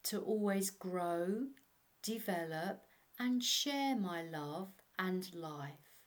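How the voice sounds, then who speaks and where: A woman narrating a guided meditation as an instructor, in a measured way. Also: on the low side, animated. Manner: slow, measured, instructional delivery.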